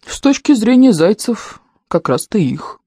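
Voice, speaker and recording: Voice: mid-range voice, very animated, measured pace, mellow, slightly rough, dry recording, voice pushed up, full character voice. An audiobook reader voicing a sardonic, loyal male servant who banters with dry mockery. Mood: mocking. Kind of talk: audiobook character voice.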